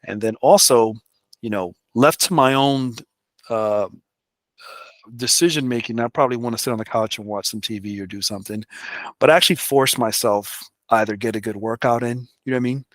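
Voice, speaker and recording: Man, mid pitch, candid interview guest, dry close recording. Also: a little fast, fairly bright tone, dry recording. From the Bronx, New York. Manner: candid, conversational, often adds "you know". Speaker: public works director, guest. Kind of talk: casual interview talk.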